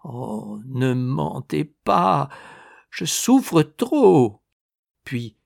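Man reading a novel out loud, slow and careful, mid-pitched voice. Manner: measured, deliberate reading. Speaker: narrator. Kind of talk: audiobook narration of a novel.

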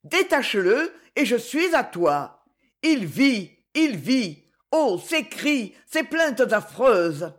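A reader voicing a fearless, desperate young heroine who pleads and commands feverishly, in an audiobook reading. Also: female voice, a little high, sing-song, a little slow, few pauses. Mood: pleading.

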